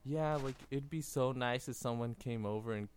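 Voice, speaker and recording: A man voicing a tipsy, lonely older woman who talks in a slow drawl. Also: medium pitch, a little hiss or hum, close to an everyday voice. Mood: slow, flirty. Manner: slow, drawn-out speech.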